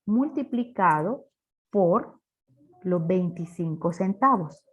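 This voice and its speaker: Her voice is fairly low, slightly rough, and expressive, and she speaks slowly. Walking through a programming lesson one step at a time, she teaches in a didactic way, asking rhetorical questions along the way, over dull, lo-fi online class audio.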